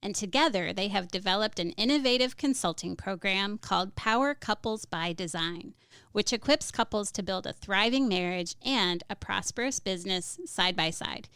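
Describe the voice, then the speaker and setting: A woman's voice: medium pitch, lively intonation, moderate pace, fairly bright tone, clean tone, dry recording, clean studio sound. A woman co-hosting a podcast, introducing her guests in an upbeat, articulate way. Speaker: podcast co-host.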